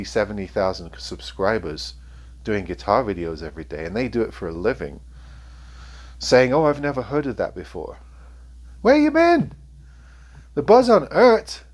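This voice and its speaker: A man reviewing guitars, talking to camera in a frank, rambling way with many fillers and a sniffly voice. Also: lowish voice. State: sniffly from allergies. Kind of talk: casual talk to camera.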